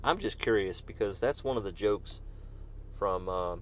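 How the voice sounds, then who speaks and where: A man's voice: fairly low pitch, a little slow. Chatty man streaming a golf game. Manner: chatty, answers chat viewers by name. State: coughing fits. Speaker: gaming streamer. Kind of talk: casual live-stream commentary.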